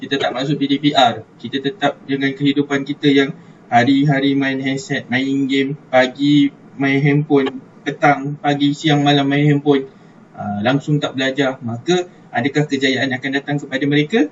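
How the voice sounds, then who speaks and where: A man's voice: mid-range voice, flat delivery, moderate pace. Malaysian male religious teacher, online lesson, talks through his steps, far-off muffled mic with faint hiss. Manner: chatty, repeats words, thinks aloud while writing.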